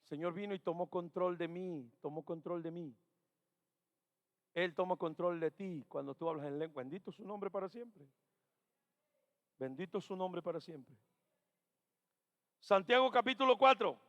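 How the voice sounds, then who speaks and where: A man preaching a Pentecostal sermon as pastor, dropping to quiet murmurs, then rising to shouted exhortations, and repeating key phrases. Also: sits high, moderate pace, long pauses, dull audio. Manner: acts out doubting churchgoers' questions. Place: church sanctuary. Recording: reverberant church hall.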